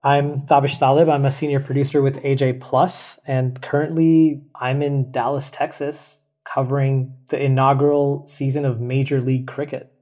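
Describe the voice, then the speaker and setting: A man's voice: medium pitch, level tone, moderate pace, few pauses, a little mellow. A man from Pakistan, a senior producer and reporter, talking casually and chattily in an interview, often saying "like" and "you know".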